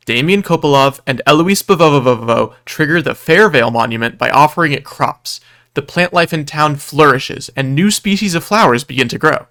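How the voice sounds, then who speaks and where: Fairly high-pitched and a bit bright, this man's voice delivers a scripted recap video of a roleplay event. He keeps it casual and wry, though he drifts now and then into dramatic storytelling.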